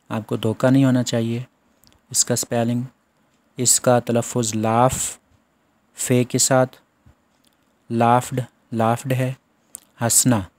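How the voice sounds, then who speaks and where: Slow, measured male grammar teacher. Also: medium pitch, darkish tone, dry recording. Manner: slow, measured recitation of word lists with translations. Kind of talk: recorded lesson reciting verb forms.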